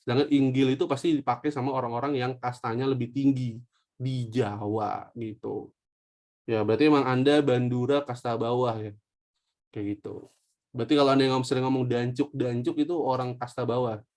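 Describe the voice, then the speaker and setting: A man's voice: medium pitch, steady tone, normal speed, a little mellow. Chatty man teaching history, joking with class. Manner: chatty and joking, asks the class questions and answers them himself. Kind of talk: casual online history lesson.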